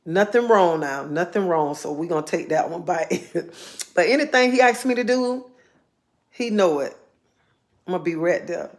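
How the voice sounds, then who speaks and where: A woman, talking in a casual live-stream monologue, earnest and heartfelt, repeating herself for emphasis. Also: fairly low pitch. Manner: earnest, heartfelt storytelling with repetition.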